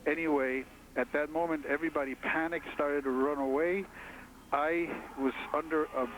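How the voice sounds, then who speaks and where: A man interviewed on the street as an eyewitness, shaky and halting, with many restarts. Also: on the high side, fairly even intonation, background noise.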